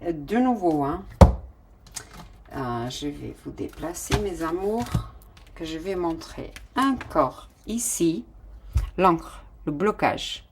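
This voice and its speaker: A tarot reader gives a casual reading, talking affectionately to her listeners, calling them "my loves" and using many fillers. Her voice is fairly low in pitch, animated yet slow, over a noisy background.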